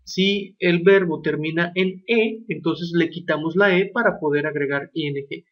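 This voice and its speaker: High-voiced man teaching English grammar. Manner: slow, deliberate explanations with rhetorical questions. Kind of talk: grammar lesson narration. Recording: dull lo-fi recording.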